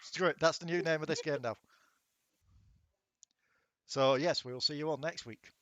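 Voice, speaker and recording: A man's voice: on the high side, moderate pace, a bit bright, no room sound, muffled recording. A man running a tabletop game, chatting casually with laughs and swearing as he wraps up the session. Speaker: dungeon master.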